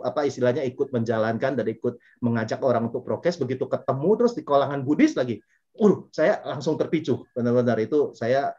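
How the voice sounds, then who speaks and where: A man's voice: medium pitch, dark tone. A middle-aged man giving a Buddhist dharma talk, telling personal stories in a conversational way with frequent fillers and self-corrections. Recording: dull lo-fi recording.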